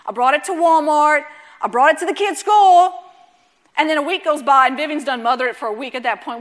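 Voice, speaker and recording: Woman pastor, high bright voice, lively storytelling preacher. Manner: animated, preaching with rising intensity and humor. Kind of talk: sermon.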